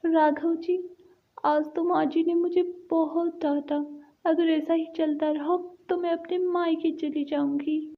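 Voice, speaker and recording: A sulky, lazy young daughter-in-law from a cartoon story, as a woman puts her on, whining and petulant. Her voice sits high. The sound is thin and phone-like. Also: flat delivery, unhurried. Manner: whiny and petulant.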